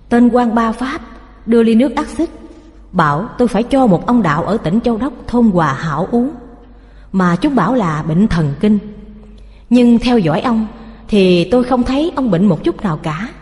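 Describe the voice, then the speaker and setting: A woman's voice: a little high, expressive, moderate pace, a little mellow, close to an everyday voice. A woman reading the lines of an anxious, grieving male doctor in a choked, pleading way. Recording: reverberant room.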